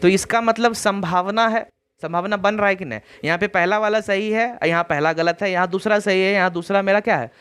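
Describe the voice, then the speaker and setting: A man teaching an online exam-prep reasoning lesson, repeating points and checking understanding with "clear?". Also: high voice, fairly even intonation, brisk, fairly bright tone.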